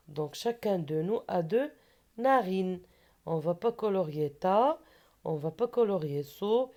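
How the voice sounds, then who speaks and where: A woman's voice: mid-range voice, dark tone. A woman teacher giving a patient reading lesson for children, repeating syllables and words and asking questions that she answers herself.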